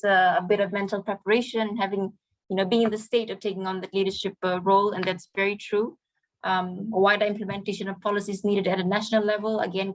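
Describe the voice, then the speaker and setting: A woman moderating a panel on an online call in a polite, measured, semi-formal way, summing up points. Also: mid-range voice, rough recording.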